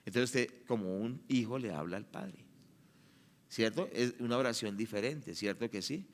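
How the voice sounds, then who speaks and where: A man's voice: mid-range voice, normal speed. Man preaching in a reverberant church. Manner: conversational preaching, asks the congregation "¿cierto que sí?"; acts out prayers, shouting some, murmuring others. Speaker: pastor. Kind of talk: sermon. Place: church sanctuary. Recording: long church-hall reverb.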